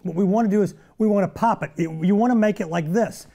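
An energetic middle-aged man teaches golf straight to the camera, his voice pitched high yet mellow in tone. He talks in punchy bursts and throws in sound-effect words as he demonstrates. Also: fast talker, gravelly. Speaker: golf instructor and show host.

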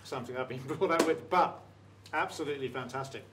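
A man hosting a cooking show who tastes a dish and praises it in a halting, restarting way. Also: medium pitch, background noise. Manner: effusive, praises the food while tasting. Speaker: host. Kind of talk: casual cooking show chat.

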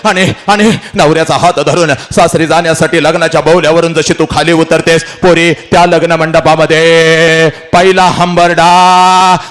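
A man's voice: a little high, little pitch movement, normal speed, hardly any pauses, fairly bright tone. A middle-aged man giving an emotional motivational lecture to a large audience, dramatic and repeating his phrases as he speaks straight to his listeners.

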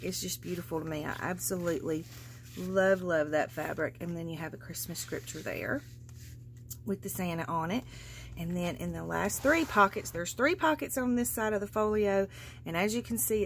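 With a lowish voice, a woman casually narrates as she flips through the handmade journal she sells, chatty and effusive, leaning on many fillers. Slight background noise comes through; she's off-screen beneath an overhead camera at an indoor craft table.

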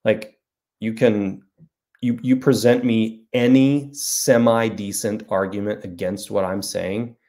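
A man in his forties, an author, hosts a casual livestream from a small room at home, speaking into a desk webcam and answering viewer comments in a rambling, self-deprecating way. His lowish voice is steady, slow and mellow.

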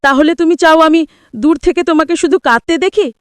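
A woman reading as a gentle loving husband. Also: very high-pitched, fairly quick, dry recording, clean studio sound, pitched above the performer's own voice. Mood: tender. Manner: gentle, tender. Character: caring young husband working abroad.

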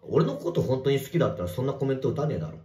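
Man, livestreamer, casual chat, rough teasing manner, lively swinging pitch, echoey bathroom. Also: rapid-fire. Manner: rough, teasing, swears mockingly at commenters. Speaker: livestreamer reading viewer comments.

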